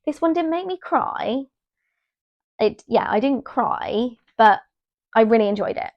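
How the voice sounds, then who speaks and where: A woman's voice: fairly high pitch, expressive, measured pace, highs cut off. A young woman chatting casually to her camera as a vlogger, rambling and restarting her sentences. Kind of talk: casual chat. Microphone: small mic on her.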